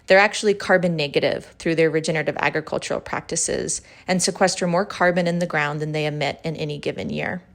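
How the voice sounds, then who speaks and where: A woman narrates a travel vlog in a clear, informative voice. Her pitch sits a little low and her delivery stays even. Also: fast, few pauses. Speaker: host. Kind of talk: scripted narration.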